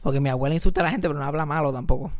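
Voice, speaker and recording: A man's voice: racing, no room sound. A man telling stories in casual chat, mixing in English and acting out voices in squeals. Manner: animated, mixes English into Spanish, acts out voices in high squeals. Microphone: close studio mic.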